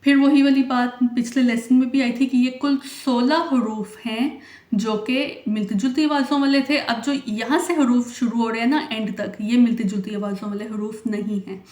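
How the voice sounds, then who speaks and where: A woman teaching Quran recitation. She calls out syllables loudly and slowly, then explains quickly and more softly. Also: on the high side, fairly even intonation, roomy sound. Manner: loud sung-out syllable drills, then quick soft explaining. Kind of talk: recitation lesson, drilling syllables.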